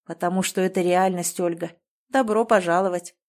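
A woman voicing a coarse, contemptuous husband who talks flatly and dismissively. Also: fairly low pitch, moderate pace, natural voice. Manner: flat, dismissive.

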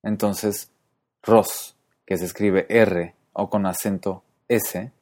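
A man hosting a podcast, explaining pronunciation methodically, spelling out letters and repeating sounds slowly. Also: lowish voice, fairly even intonation, darkish tone. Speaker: podcast host.

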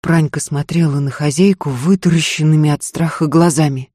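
Brief: woman narrator, mellow and slightly husky, dry close mic. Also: sits low, steady tone, normal speed, dry recording. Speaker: audiobook narrator. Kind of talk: scripted narration.

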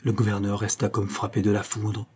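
A man reading a historical tale aloud as an audiobook narrator, in a measured literary manner. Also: lowish voice, flat delivery, a little mellow, breathy edge.

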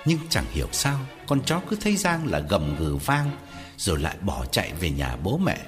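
Lively man narrating a ghost story. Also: sits low, moderate pace, faint music behind. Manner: expressive storyteller. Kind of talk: dramatic horror story narration.

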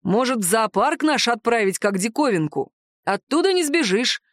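A woman's voice: a little high, very animated, normal speed, no echo, studio quality. A woman doing a harsh, stern dragon lord. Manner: harsh, barking. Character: stern fire-breathing male dragon lord.

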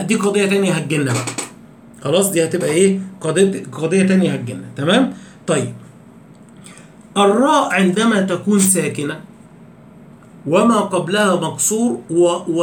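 A high-pitched man with an Egyptian Arabic accent gives a tajweed lecture. He keeps asking his students questions and drags out each recited example. The sound is echoey, with a faint hum behind him. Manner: explains rules with repeated questions, slows down to recite examples. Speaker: Quran recitation teacher. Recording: echoey room with faint background noise.

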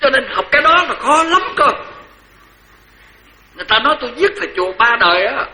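An older man with a Southern Vietnamese accent, a senior Buddhist monk, gives a lively dharma talk full of jokes, repeating phrases for emphasis. His voice is extremely high and a little fast, and the recording quality is low.

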